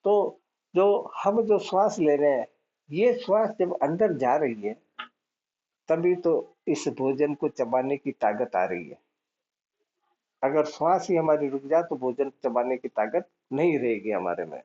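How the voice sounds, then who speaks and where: A man's voice: on the high side, expressive, measured pace, mellow, lo-fi sound. A man teaching spirituality, explaining patiently, repeating key points and chanting short mantras. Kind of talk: devotional teaching.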